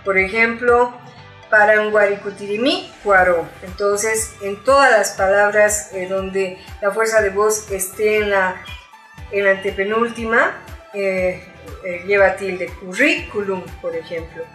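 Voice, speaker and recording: A woman's voice: medium pitch, steady tone, unhurried, fairly bright tone. A woman teaching a spoken lesson, explaining patiently step by step with examples and little asides. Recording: roomy echo with faint music.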